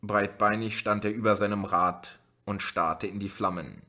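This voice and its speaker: A man reading a novel aloud as an audiobook in a steady, even narration. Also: fairly low pitch, normal speed. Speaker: audiobook reader.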